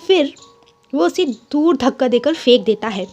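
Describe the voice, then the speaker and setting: Woman fan-story narrator, high voice, chatty, soft music bed. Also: expressive, a little slow. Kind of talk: casual story retelling.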